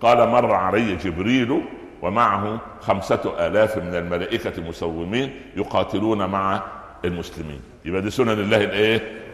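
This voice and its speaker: A man with an Egyptian accent preaching a sermon, telling stories lively and firing rhetorical questions at his listeners. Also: lowish voice, brisk. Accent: Egyptian Arabic. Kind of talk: sermon explaining Quran commentary. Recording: echoey hall with long reverb.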